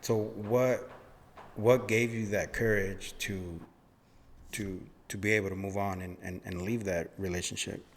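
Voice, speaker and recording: A man's voice: lowish voice, fairly even intonation, a little slow. A man hosting a podcast, introducing a guest emcee-style, then chatting casually and repeating words back. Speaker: podcast host. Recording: reverberant room sound.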